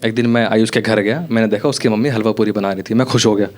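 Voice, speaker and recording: A man's voice: on the low side, steady tone, fast talker. A young man performing a stand-up comedy set on stage, telling stories in a conversational way and acting out the dialogue. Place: comedy theatre stage with live audience. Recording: live venue with loud audience noise. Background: audience laughter.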